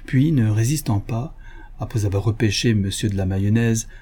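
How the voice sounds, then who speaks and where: Husky, dark-voiced male narrator. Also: lowish voice, normal speed. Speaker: audiobook reader. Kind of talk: literary narration.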